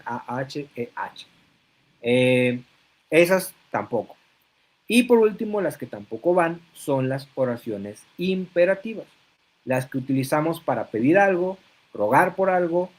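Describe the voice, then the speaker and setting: A man teaching an online class, explaining step by step, often checking that students follow and pausing on hesitant fillers. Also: mid-range voice, rough recording. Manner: hesitant fillers between phrases.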